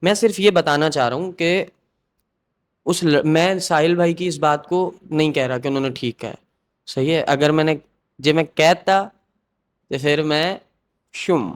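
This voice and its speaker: Man, podcast host, slightly high voice, earnest, emphatic, agreeable. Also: pauses often. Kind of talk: casual chat.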